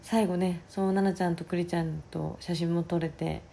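A woman with a hoarse, raspy voice talking casually on her own as a podcast host. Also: fairly low pitch, flat delivery, normal speed, warm tone, a little hiss or hum. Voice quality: husky, raspy. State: hoarse voice, worn out from the day before. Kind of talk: casual solo chat.

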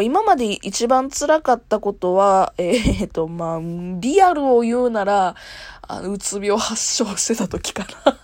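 A woman's voice: mid-range voice, dry recording. A young woman with a Kansai accent, talking frankly and laughing often as she introduces herself in a solo talk show. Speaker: radio talk host.

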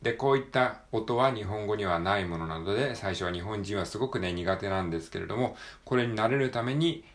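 A man with a Japanese accent talks through English pronunciation on his own, explaining points, then repeating words and phrases slowly and with emphasis. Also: on the low side. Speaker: English pronunciation practice podcaster. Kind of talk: solo read-aloud practice with commentary.

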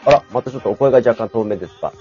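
A man's voice: medium pitch, racing, darkish tone. A man in his twenties co-hosting a casual podcast, chatty and laughing often, reading a news ranking with many fillers. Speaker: podcast co-host. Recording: dull lo-fi online audio with faint music.

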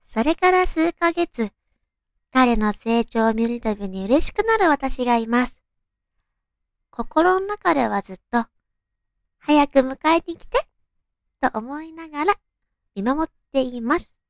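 A woman with a very high, cute anime-girl voice hosts a radio show. Her delivery is girlish and animated, with pitch that moves around a lot. The sound is dry and close, as she talks sweetly to listeners. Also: unhurried, dry recording. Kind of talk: soft-hearted radio talk and read-out listener love stories.

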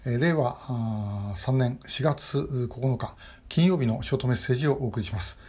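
Middle-aged man, mellow tone, unhurried commentary full of "um"s. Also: medium pitch, slightly rough. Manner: measured, with frequent hesitation fillers. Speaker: host of a short message broadcast. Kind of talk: casual spoken commentary. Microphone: phone or webcam video selfie.

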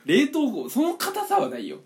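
A young man co-hosting a casual podcast chat, telling an animated story and acting out the quotes. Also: very high-pitched, normal speed. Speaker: podcast co-host.

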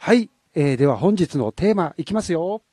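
A man's voice: fairly high pitch, lively intonation, fairly quick, mellow, slightly rough, soft background music. A man with a Kansai accent, a band's saxophonist and singer, leading an easygoing casual chat. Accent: Kansai Japanese. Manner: easygoing, chatty, leads the topics. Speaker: band saxophonist and main vocalist, podcast co-host.

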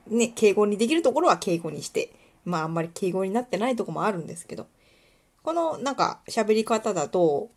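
A woman's voice: medium pitch, a little mellow, breathy edge. A young woman from Kuwana with a light Kuwana dialect, chatting casually and rambling with many fillers on her solo talk show. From Kuwana, Mie, Japan. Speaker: podcast host.

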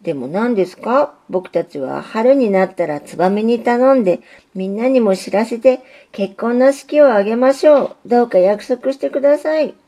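A woman's voice: on the high side, animated, moderate pace, warm tone, voice pushed up. A woman voicing an earnest, lovesick young male railway signal in a storybook reading, pleading and eager. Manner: pleading, eager, repeats himself.

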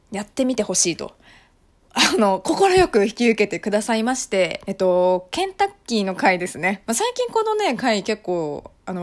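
A young woman hosting her own podcast, chatting casually on her own with frequent laughs and soft fillers. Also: medium pitch. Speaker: podcast host. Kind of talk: casual solo podcast chat.

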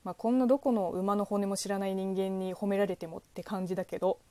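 A young woman whose first language is Chinese, hosting a casual solo podcast and chatting in a lively way with self-deprecating asides. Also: mid-range voice, quick pace, no echo. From China. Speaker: podcast host.

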